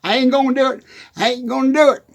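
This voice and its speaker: A man's voice: extremely high pitch, fairly even intonation, fast, creaky. A man with a Texan accent playing a giggly good-ol'-boy country character in a rambling comic monologue. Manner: constant giggling, folksy rural grammar.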